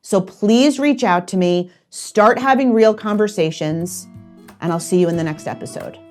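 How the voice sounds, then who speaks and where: A woman's voice: medium pitch, moderate pace, darkish tone, soft background music. A woman in her forties hosting a solo career-advice podcast, speaking directly and coaching her listeners with repeated instructions.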